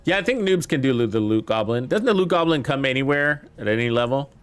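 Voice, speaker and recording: A gameplay streamer talks quickly with lively intonation, his medium-pitched voice clear and resonant. He addresses his viewers in a chatty, upbeat way during a shooter game.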